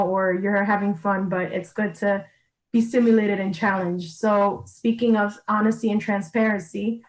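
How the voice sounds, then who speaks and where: A woman's voice: medium pitch, low-quality recording. A woman hosting a live interview over a video call, setting up her questions in a friendly, chatty way. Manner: friendly, sets up questions at length. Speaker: interview host.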